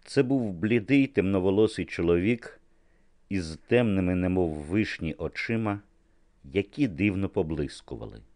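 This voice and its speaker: A man reading an audiobook novel as narrator, in a measured literary manner. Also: deep voice, animated, darkish tone, dry recording. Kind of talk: scripted narration.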